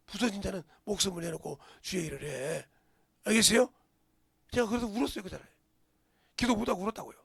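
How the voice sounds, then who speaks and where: A middle-aged male pastor preaching a sermon in a church, dropping to whispers and bursting into shouts. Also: sits high, fast talker, creaky, pauses often, husky, no room sound, clean studio sound. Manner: swings from hushed whispers to sudden shouts. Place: church sanctuary.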